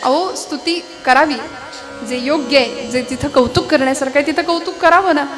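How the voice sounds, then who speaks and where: A woman preacher telling an epic story in a devotional kirtan, lively, with rhetorical questions and asides to the crowd. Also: high-pitched, normal speed, over music.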